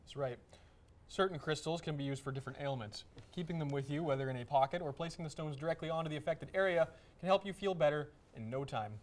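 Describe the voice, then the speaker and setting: A man's voice: fairly high pitch, fast, close to an everyday voice. A young man playing a straight-faced, formal co-host of an occult comedy talk show. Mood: deadpan. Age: young adult. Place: TV studio set.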